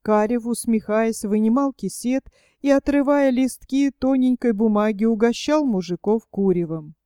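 A woman reading a literary story aloud as an audiobook narrator, in a steady storytelling manner. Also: a little high, normal speed, clean tone, dry recording, clean studio sound.

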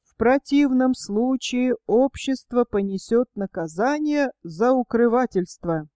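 A woman reading the lines of a stern police chief in a storybook, loud and measured. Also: on the high side, animated, dry recording, clean studio sound.

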